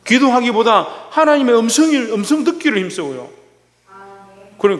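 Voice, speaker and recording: A man's voice: high voice, long reverb tail. A male pastor preaching a sermon. He asks rhetorical questions and repeats key phrases for emphasis.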